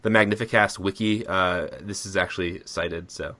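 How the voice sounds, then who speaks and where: A man with a low, steady voice hosts a comedy podcast, chatting casually and reading a summary aloud at normal speed while giggling and cracking up easily. His sound is pushed and bright, with no echo.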